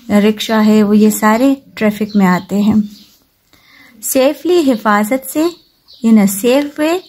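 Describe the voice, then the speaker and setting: A woman from Pakistan teaching a children's textbook lesson, reading English lines slowly and explaining each one in plain words. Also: fairly high pitch, a little mellow. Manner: slow and patient, reads English lines slowly, then explains in Hindi-Urdu.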